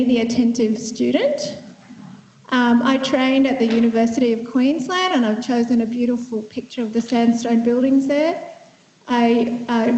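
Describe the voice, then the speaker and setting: In an echoey lecture room captured with dull, lo-fi sound, a woman psychiatrist from Vietnam delivers a conference talk. She speaks in a warm voice on the high side, thoughtfully and conversationally, with frequent fillers and restarts.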